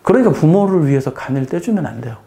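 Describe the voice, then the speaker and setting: A middle-aged man teaching math delivers a casual lecture in a plain explaining tone, his slightly high voice gravelly yet mellow. He is very animated and fast, often repeating phrases and putting questions to whoever's listening.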